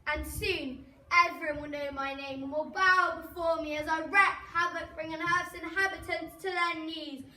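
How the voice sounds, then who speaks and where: A gloating female supervillain virus with a high, bright, sharp voice and big theatrical boasts, as a woman puts her on. Her evil laugh and grand claims ring out in an echoey room. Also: fairly even intonation, moderate pace, exaggerated voice.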